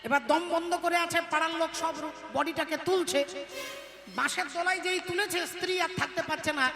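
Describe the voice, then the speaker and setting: A woman kirtan singer tells a devotional story in a lively manner and breaks into chanted refrains. Her voice sits high and rings through a large hall with a long echo. Music runs underneath. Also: a little fast. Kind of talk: devotional story-telling sermon. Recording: echoey hall with music behind.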